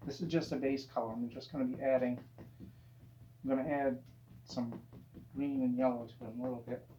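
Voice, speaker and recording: A man teaching painting in a gentle, easygoing, encouraging way, casually talking through each step as he demonstrates. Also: medium pitch, fairly even intonation, fairly quick. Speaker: painting instructor. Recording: dull, roomy sound with faint hum.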